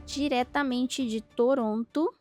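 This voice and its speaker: A woman reading a scripted episode intro in a brisk announcer manner. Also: sits high, fairly even intonation, a little mellow. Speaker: narrator of show intro. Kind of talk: scripted narration. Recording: voice-over with music behind.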